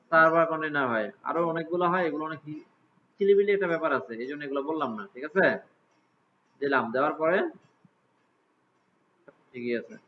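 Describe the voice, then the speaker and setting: Male teacher, somewhat high voice, tinny phone-like audio. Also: slight background noise. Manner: casual, asks students frequent check questions. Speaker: computer class teacher. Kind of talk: live class walkthrough.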